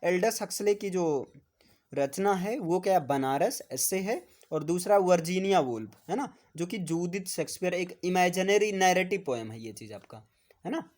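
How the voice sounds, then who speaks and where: A man's voice: high voice, animated, moderate pace, darkish tone. A man with a Hindi accent giving a classroom lecture, repeatedly asking "है ना?" and spelling words out for his students. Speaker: teacher.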